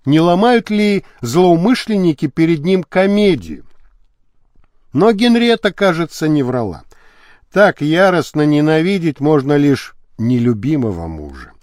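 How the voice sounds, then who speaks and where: Expressive male audiobook narrator. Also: fairly high pitch, unhurried, no room sound, clean studio sound. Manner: expressive, dramatic reading. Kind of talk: scripted narration.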